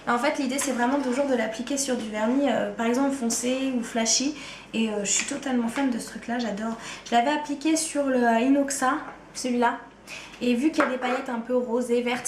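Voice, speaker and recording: Chatting loosely to camera about what she loves, a high-voiced woman beauty vlogger speaks with a touch of Ardennes French accent, slangy and casual, often ending on "quoi." The recording sounds roomy, with a little hiss or hum.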